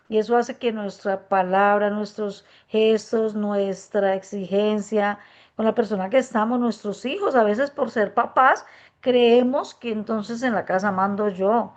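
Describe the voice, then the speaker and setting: A woman speaks up at a workshop, reflecting earnestly in a deliberately soft, gentle voice. She hesitates often, filling gaps as she thinks aloud. The recording is dull and muffled. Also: mid-range voice. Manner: speaks softly and gently on purpose. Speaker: workshop participant. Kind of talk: spontaneous testimony.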